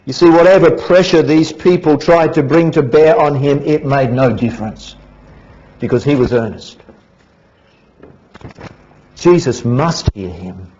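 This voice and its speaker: A man with an Australian accent preaching a sermon as pastor in a church, earnest and pleading, dropping to a hush and then rising again. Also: medium pitch, slight background noise. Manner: earnest, pleading, swings from hushed to raised. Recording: dull lo-fi church recording.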